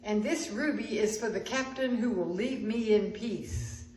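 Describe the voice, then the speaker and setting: A woman's voice: a little high, unhurried, a little mellow, slight background noise, close to an everyday voice. Brief: a composed, stately male magus, read by a woman, echoey hall. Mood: calm resolve. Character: calm, dignified older male traveling magus.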